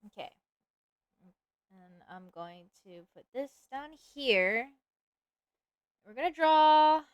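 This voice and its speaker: A woman streams live as a VTuber, chatting casually and playfully while she animates and breaking into sudden dramatic outbursts. Her voice sits high, sounds animated and moves slowly. The recording is dry, with the highs cut off.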